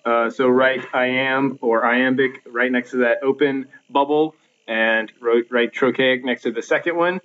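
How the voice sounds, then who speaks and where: A man talks through a recorded lesson as the class teacher, unhurried and methodical, often pausing on "um" and restarting his sentences. His voice sits at an ordinary middle pitch, and the recording sounds a little dull and lo-fi. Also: fairly bright tone. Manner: explaining patiently with fillers and restarts.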